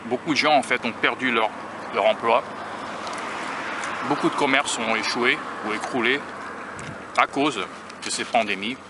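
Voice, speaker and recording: A man's voice: mid-range voice, moderate pace, long pauses. Rambling man vlogging outdoors in traffic. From United States. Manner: musing, rambling, self-conscious, with frequent restarts. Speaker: food-tasting vlogger. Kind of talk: casual vlog while eating. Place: outdoors by a beach near rail tracks. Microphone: handheld camera or phone filming himself. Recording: outdoor traffic and vehicle noise.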